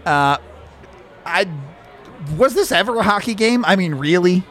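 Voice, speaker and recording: A man's voice: high-pitched, animated, unhurried, fairly bright tone, soft background music, some chatter behind. A man hosting a sports podcast with a sore throat, chatting casually and laughing a lot. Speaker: podcast host.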